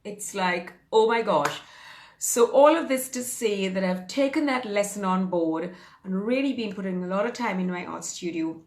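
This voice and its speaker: A woman in her fifties talks to viewers as a coach in a casual live stream. She is upbeat and chatty, and she wanders through her points with lots of ums. Her voice sits at a middle pitch and bounces around a roomy, echoing space. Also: moderate pace, a little mellow. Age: 50s. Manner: chatty and upbeat, rambling with many fillers. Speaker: fitness and mindset coach. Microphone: phone or webcam on a live stream.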